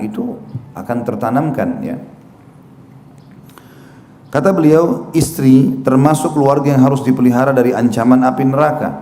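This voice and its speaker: A man giving a religious lecture on a microphone, moving from recited scripture into joking, lively stories with quoted voices. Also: fairly low pitch. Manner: humorous, animated storytelling with quoted voices. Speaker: preacher. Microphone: handheld or stand mic. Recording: echoey hall with faint noise.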